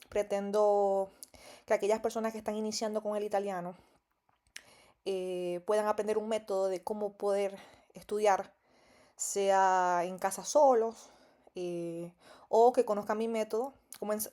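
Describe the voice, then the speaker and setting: A woman teaching Italian grammar to beginners, patient and drawn-out, with many filler sounds. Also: medium pitch, a little mellow.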